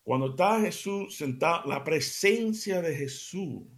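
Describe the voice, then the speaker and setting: A man, hosting a radio devotional. He retells Bible stories as an animated, dramatic storyteller and drops to soft near-whispers for emphasis. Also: a little high, unhurried. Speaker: radio host and preacher.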